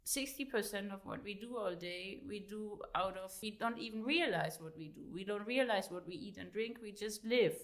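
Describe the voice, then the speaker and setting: Speaking at normal speed with hardly any pauses, a German-accented guest author in her late thirties chats casually in an interview. Her medium-pitched voice has a fairly bright tone, and she laughs easily amid many fillers.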